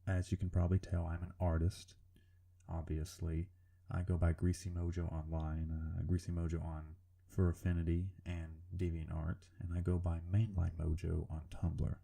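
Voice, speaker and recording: A man speaks in a low, gravelly rumble with a very dark tone, like a serial killer. He narrates his drawing informally, hesitating and putting himself down as he goes. His language is casual and sweary. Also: completely flat delivery, normal speed. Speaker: artist narrating a drawing video. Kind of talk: informal drawing commentary voice-over.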